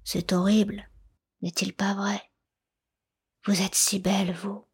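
A humble, sorrowful deaf hunchback speaks in a hushed, half-whispered way, as a woman reads him aloud. The voice is very breathy and airy, held in a flat, narrow tone. It belongs to a classic storybook read aloud. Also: medium pitch, slow, exaggerated voice. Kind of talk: audiobook reading of a classic novel.

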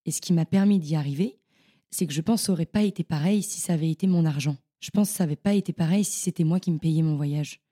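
A young woman, a podcast guest, telling her stories in a casual, animated and slangy way. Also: low-pitched, fast talker. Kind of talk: casual storytelling interview.

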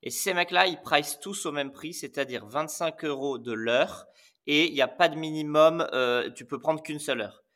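A man's voice: on the high side, moderate pace, fairly bright tone. Man hosting a casual interview. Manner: probing, recaps the guest's points. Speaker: podcast host.

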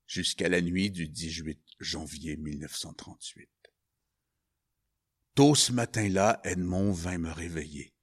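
A man reading a first-person story as narrator, slow and solemn. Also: sits low, a bit bright, husky. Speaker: narrator and author.

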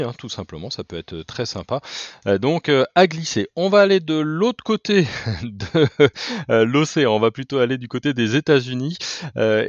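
A man hosting a radio discussion, relaxed and filler-heavy. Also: medium pitch, no room sound, dull audio. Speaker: radio host.

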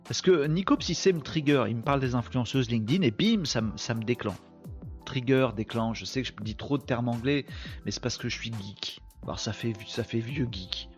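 A man's voice: medium pitch, animated, normal speed, soft background music. A man from northern France with a northern French accent, hosting a live podcast stream and chatting casually with viewers in a rambling, joking way.

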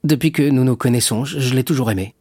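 A man's voice: medium pitch, fast, a little mellow, husky, no room sound, studio quality, lightly acted. A man voicing a jealous, desperate young lover in an audiobook reading, earnest and resolute.

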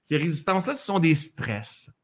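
A man's voice: a little high, big pitch swings, normal speed, fairly bright tone, husky. A man with a Québécois accent teaching a live masterclass in a conversational way, breaking off for joking asides about himself. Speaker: personal development speaker.

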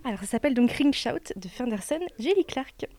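A woman's voice: fairly high pitch, animated, fairly quick, dark tone. A woman bookseller recommending a novel eagerly, with many fillers. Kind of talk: casual book recommendation.

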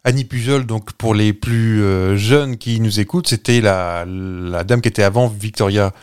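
A man co-hosting a podcast, chatting casually and slowly giving out clues with many hesitations. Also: on the low side, a little mellow, smooth. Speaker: podcast co-host. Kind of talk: casual banter, quiz-style teasing.

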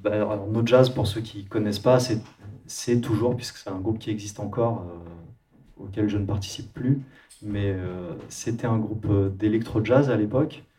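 A man from France, a musician and producer, talking in a relaxed interview with many hesitations and restarts. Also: on the low side, normal speed, recorded from a distance.

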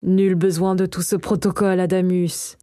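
A woman reading the part of a kind male king who calmly reassures his young son. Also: fairly low pitch, normal speed, no room sound, studio quality, natural voice. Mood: gentle. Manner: calm, warm and reassuring. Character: kind, gentle male king and father, a magician.

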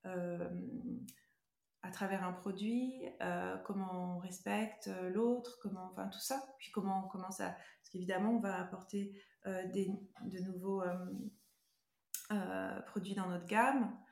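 Hesitant middle-aged woman with creaky voice. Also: mid-range voice, steady tone, measured pace, darkish tone, echoey room. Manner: hesitant, searching for words, often restarting sentences. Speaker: interview guest, beauty brand co-founder. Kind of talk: casual conversational interview.

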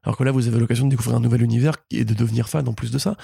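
A man co-hosting a casual pop-culture podcast, talking rapidly and joking while he runs through series news. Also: medium pitch, fairly even intonation, creaky, mellow, breathy edge, no echo, clean studio sound. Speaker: podcast co-host.

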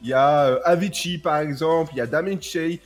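A male radio co-host in a studio, playful and quick to giggle while announcing what is coming up. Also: fairly high pitch, faint music behind. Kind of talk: casual radio banter. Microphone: studio microphone.

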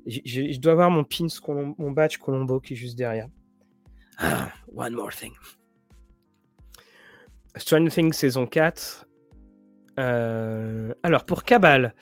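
A man's voice: medium pitch, dry recording. A man hosting a casual show about role-playing games and series, rambling with many restarts and fillers. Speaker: tabletop RPG and series show host. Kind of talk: casual chat to viewers.

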